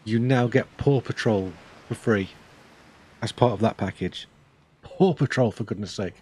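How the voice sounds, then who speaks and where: A man's voice: on the low side, unhurried, a little mellow, slightly rough. An older man chatting casually on a game stream, rambling with dry, self-mocking humor. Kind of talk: casual live-stream chat.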